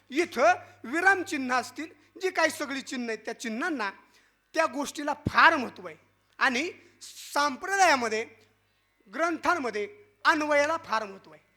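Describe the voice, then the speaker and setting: A man's voice: very high voice, bright, forceful tone. A man giving a devotional kirtan discourse, playfully quizzing the crowd in call and response. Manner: playful teasing with the audience. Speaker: kirtan preacher.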